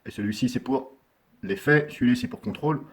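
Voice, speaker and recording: A man giving a casual software tutorial, rambling and often correcting himself with many fillers. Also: mid-range voice, a little fast, slightly rough.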